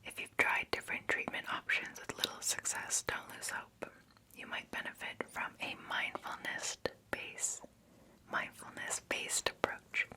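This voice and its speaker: A woman in her twenties plays a therapist for ASMR, her soft whisper slow and soothing, close to a microphone placed just off camera. She's in a small, cozy indoor room, and the audio quality is poor.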